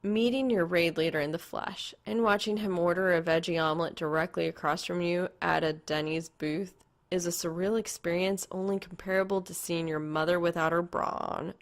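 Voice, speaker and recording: Narrating fan fiction from a script, a woman keeps a steady tone and moderate pace. Her voice is on the low side, with a pronounced gravelly creak.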